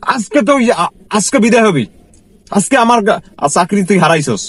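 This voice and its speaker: A wealthy, arrogant boss sneers and scolds his driver with contempt, as a man puts him on. The voice is pushed up high and hard with scorn. Every line lands as a taunt. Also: animated, moderate pace, breathy edge, no room sound, exaggerated voice. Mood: berating. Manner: contemptuous, berating, shouting taunts.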